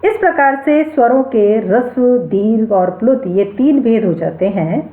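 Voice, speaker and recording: A woman teaching a Sanskrit grammar lesson, explaining slowly and repeating key terms while she spells out each sound. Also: on the high side, animated. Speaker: Sanskrit lecturer. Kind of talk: slow explanatory lecture. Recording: echoey room over a tinny phone-like line.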